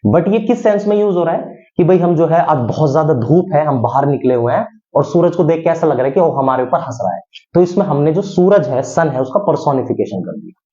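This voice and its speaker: A man teaching a lesson, explaining in Hindi and reading English examples slowly and deliberately. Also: on the high side, expressive, dark tone. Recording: dull lo-fi sound.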